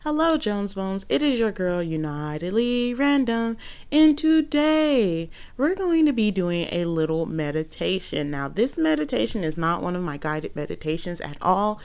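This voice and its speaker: A woman's voice: medium pitch, sing-song, a little slow, a little mellow, roomy sound, far from the mic. A woman hosting her channel, chatting casually to viewers in a playful, informal, slangy way. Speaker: tarot channel host.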